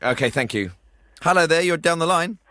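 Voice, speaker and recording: A man's voice: on the high side, lively intonation, fairly quick, bright, forceful tone, no echo. An actor playing a glib, self-satisfied male host of a radio phone-in show. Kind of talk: comedy phone-in hosting.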